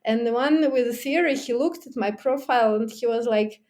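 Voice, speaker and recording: Talking fairly quickly in a fairly high voice, a woman interviewed about her diving keeps things casual and lively, laughing often and acting out her own earlier remarks. She's a technical diver and underwater photographer, not a native German speaker, and her speech has restarts and fillers like "like."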